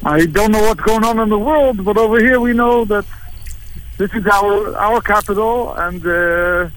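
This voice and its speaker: Rabbi from england on a live radio call, high voice, relaxed, kinda halting. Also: male voice, slight background noise, poor audio. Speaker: rabbi, interview guest. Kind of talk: interview by phone, live remote.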